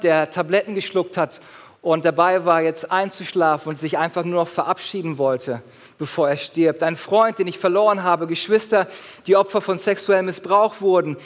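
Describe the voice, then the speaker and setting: Pastor, male, high voice, delivering an animated sermon in a church hall with a long reverb. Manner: animated preaching with acted-out gym anecdotes.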